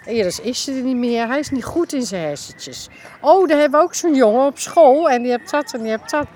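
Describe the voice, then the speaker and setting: Chatty Dutch-speaking woman, fairly high voice. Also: fairly quick, a little hiss or hum. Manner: lively, acts out conversations in quoted voices. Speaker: neighbourhood resident being interviewed. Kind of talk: casual storytelling interview.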